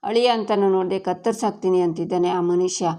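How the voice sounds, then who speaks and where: A woman's voice: on the low side, fairly even intonation, a little fast, mellow, lightly acted. A woman voicing an indignant mother defending her son. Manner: defiant, arguing.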